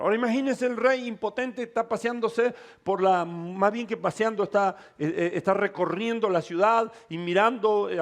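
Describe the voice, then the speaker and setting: A pastor preaching a sermon, retelling a story with dramatic flair and calling out to the congregation. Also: male voice, sits high. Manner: dramatic storytelling, acting out quoted voices; calls out to the congregation.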